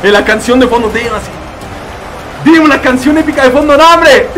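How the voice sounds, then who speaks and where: A Mexican man narrates a game battle in a high, bright-sounding voice, cracking jokes and bursting into exclamations. His commentary is playful and excitable throughout. A faint background noise sits under the recording. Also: a little fast. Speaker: gaming YouTuber.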